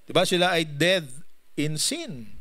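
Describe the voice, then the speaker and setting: A man's voice: on the high side, sing-song, a little slow, bright, forceful tone. A male pastor with a Filipino accent preaching a sermon, joking and often asking the congregation questions. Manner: jokey, asks the congregation questions, mixes English into his talk.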